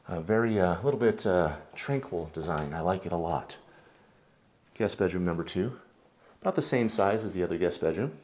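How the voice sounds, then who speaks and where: Showing a home both indoors and outdoors, a low-voiced real estate agent narrates the walkthrough in a relaxed, conversational style with lots of fillers.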